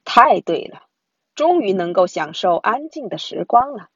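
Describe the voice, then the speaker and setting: A contented, easygoing dad , as a woman reads him. He speaks gladly and calmly, in a breathy and lively tone. The recording is dry. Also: medium pitch, a little slow, no room sound, muffled recording, full character voice. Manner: content, pleased. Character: cheerful father who loves quiet countryside.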